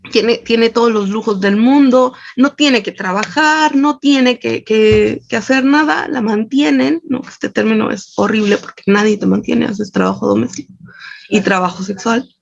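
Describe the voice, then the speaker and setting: A Mexican woman with a Mexican accent speaks in an interview, her fairly high voice carrying a gravelly rasp. She talks with intensity, hammering points home by repeating them, and the recording sounds dull and lo-fi. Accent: Mexican Spanish. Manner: intense, emphatic, builds with repetition. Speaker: psychologist and feminist activist, interview guest. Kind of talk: earnest explanatory interview answers. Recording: dull lo-fi audio.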